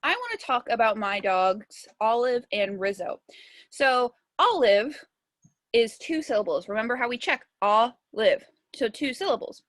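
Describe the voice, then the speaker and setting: Young woman teacher, kinda high voice, dry close sound, walks through it slow and patient. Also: sing-song, a bit bright, no room sound. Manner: patient, step-by-step explaining, sounding words out slowly. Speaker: music teacher. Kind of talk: virtual classroom lesson.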